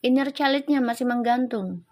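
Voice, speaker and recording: A woman's voice: fairly high pitch, moderate pace, a little mellow. A woman tarot reader, hosting a live stream in a casual, chatty way, teasing viewers and greeting them by name.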